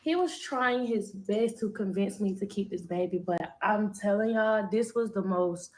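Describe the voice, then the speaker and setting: A young woman, telling a personal story to her viewers in a candid, animated, profane way. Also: mid-range voice. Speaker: vlogger. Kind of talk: storytime vlog.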